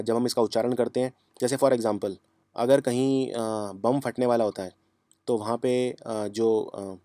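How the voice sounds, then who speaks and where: A man's voice: medium pitch, dark tone, dry recording, studio quality. Man teaching English words in Hindi. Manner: explanatory, repeats key words, poses and answers his own questions. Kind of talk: Hindi-language lesson explaining English words.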